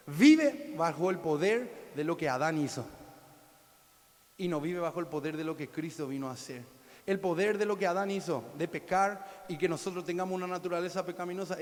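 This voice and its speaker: A male pastor preaching a sermon, swinging between sudden shouts and quiet, intimate drops. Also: fairly high pitch, long reverb tail. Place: church hall.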